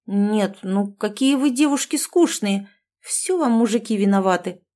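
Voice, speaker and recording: A cheeky, sarcastic teenage boy, as a woman narrator reads him in a spoken story. She barely changes her own voice, keeping a soft, mellow tone. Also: mid-range voice, expressive, unhurried, natural voice. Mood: teasing. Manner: sarcastic, teasing.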